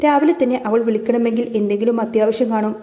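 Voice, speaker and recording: A woman narrating a serial story in a soft, measured storytelling manner. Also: a little high.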